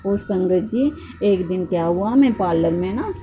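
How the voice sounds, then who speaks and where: A woman's voice: fairly low pitch, lively intonation, moderate pace, over music. A middle-aged woman giving a devotional satsang testimony, telling her story and often turning to address the congregation.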